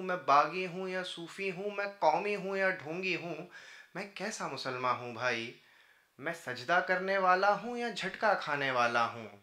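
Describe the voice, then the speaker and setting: Standing at a podium in an indoor auditorium, a poet from India performs Urdu-Hindi verse live in a bright, forceful, slightly high voice. He declaims with rhythmic, repeated phrases, picked up by a podium mic and carried through the PA with a roomy echo.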